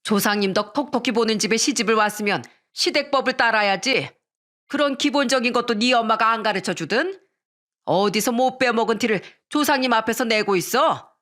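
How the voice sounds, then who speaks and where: A woman's voice: a little high, fairly quick, fairly bright tone, natural voice. A woman voicing a domineering older mother-in-law who scolds with contempt, in a radio story reading. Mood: scornful.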